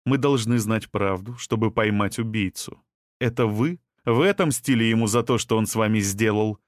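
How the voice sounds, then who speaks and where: A man's voice: on the low side, moderate pace, no echo, clean studio sound, close to an everyday voice. A man reading a stern female detective. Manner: serious and pressing.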